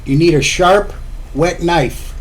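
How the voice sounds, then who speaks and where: Chatty home cook rambling in a vlog. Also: male voice, a little high, takes it slowly. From Florida. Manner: rambling, chatty, repeats himself. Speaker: home cooking vlogger. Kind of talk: casual cooking talk to camera.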